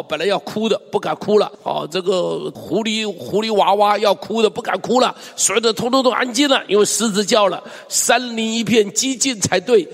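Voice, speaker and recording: An older man preaching a sermon as pastor, acting out scripture lines with sighs and shouts and chuckling often. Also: sits high, husky. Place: church sanctuary. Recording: long hall reverb.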